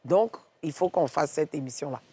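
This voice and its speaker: A woman with an Ivorian French accent, a guest on a TV talk show, telling a story in a lively way and acting out what each person said. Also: low-pitched, normal speed, breathy edge. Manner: lively, tells stories in the first person and acts out what each person said. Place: TV studio.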